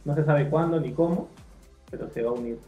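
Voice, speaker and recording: A man's voice: on the high side, brisk, soft background music. A man chatting casually on a podcast, rambling and opinionated, often trailing off. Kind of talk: casual chat. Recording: echoey, phone-like sound.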